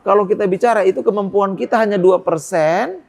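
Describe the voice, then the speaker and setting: Speaking a little fast, this man has a darkish tone with some vocal fry. A guest from the port business, he hesitates a lot in his interview answers, yet his pitch rises emphatically when he makes a point.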